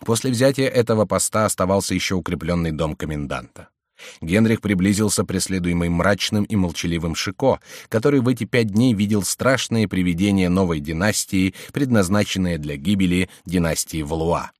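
A man narrating a historical novel as an audiobook in a measured, steady reading. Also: low voice, no room sound, studio quality.

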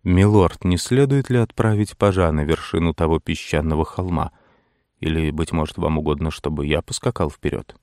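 A man reading the part of a loyal baron who speaks quietly and deferentially in a storybook. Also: very deep voice, normal speed, no echo, clean studio sound, voice pushed down.

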